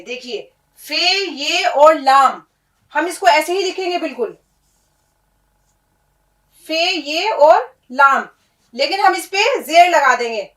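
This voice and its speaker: A woman's voice: high-pitched, a bit bright. A woman teaching a letter-by-letter language lesson, patient, repeating and checking in with her students. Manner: patient, explains and repeats, asks "है ना?" often. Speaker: Urdu teacher. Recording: echoey room, mic at a distance.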